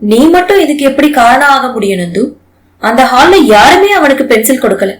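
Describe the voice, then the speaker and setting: A woman voicing a caring young husband who consoles his wife in a calm, gently lecturing way. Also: a little high, normal speed, reverberant, close to an everyday voice, rough recording. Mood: firm.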